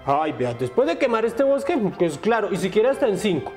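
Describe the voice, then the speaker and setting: A storyteller voicing a boastful, lazy male dragon in a storybook, with a cocky, chuckling, slangy drawl, in a lively sing-song delivery. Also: medium pitch, a little fast, faint music behind, voice pushed up, natural voice.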